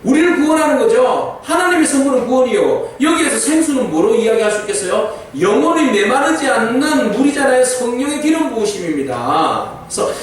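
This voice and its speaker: A man's voice: very high-pitched, sing-song, fairly quick, few pauses. A male pastor preaching a sermon and asking the congregation rhetorical questions. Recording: very echoey church hall, distant mic.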